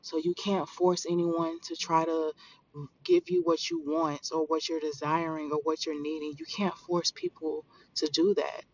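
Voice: mid-range voice, moderate pace, dull audio. A podcast host in their thirties giving an earnest, emphatic motivational spiritual talk straight to listeners. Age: 30s.

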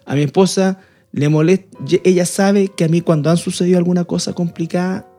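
A married man talks through his views on marriage in a casual discussion, earnest and patient, circling back to repeat himself. His voice is mellow and fairly high for a man, with faint music underneath. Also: steady tone, brisk. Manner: earnest, explaining at length with many restarts.

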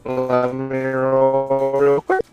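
A man playing a tabletop game, excitable and swearing freely. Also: mid-range voice, drawn-out words, music in the background. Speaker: player. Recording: dull lo-fi audio.

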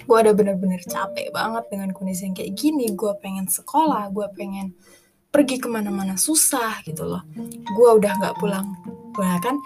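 A woman's voice: mid-range voice, normal speed, over music. A young woman hosting a podcast in a casual, rambling monologue, full of fillers and restarts, dropping English phrases into slangy talk. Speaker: podcast host.

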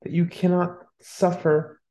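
In a calm, mellow, mid-range voice, a meditation guide talks listeners through a session. The pace is very slow and nearly flat, with long pauses between phrases. The audio quality is poor.

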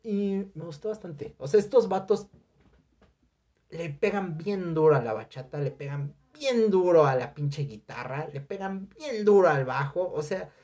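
A young adult speaker with a Mexican accent reviewing an album on a casual podcast, animated and profane, breaking into shouted sound imitations. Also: mid-range voice, a little slow. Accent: Mexican Spanish. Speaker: music reviewer.

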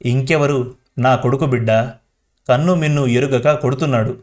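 A man's voice: medium pitch, fairly even intonation, moderate pace, darkish tone, close to an everyday voice. Man voicing a tearful old grandmother. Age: older. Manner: tearful pleading, addressing the listener as child. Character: frail beaten 78-year-old grandmother, tearful. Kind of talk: storybook reading.

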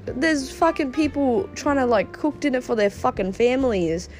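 A woman's voice: sits high, expressive, normal speed, a little mellow, faint music behind. A young woman telling a story in casual vlog chat, profane and rambling with many fillers. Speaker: vlogger.

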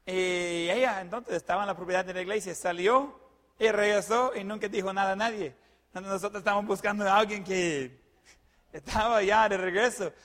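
A man telling a personal anecdote in a lively way, adding sound effects and fillers. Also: high voice, moderate pace. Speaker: storyteller. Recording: long hall reverb.

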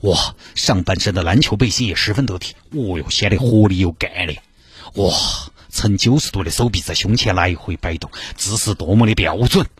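A man with a Sichuanese accent telling a comic story in an animated way, full of exclamations. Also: deep voice, normal speed, breathy edge, dry recording.

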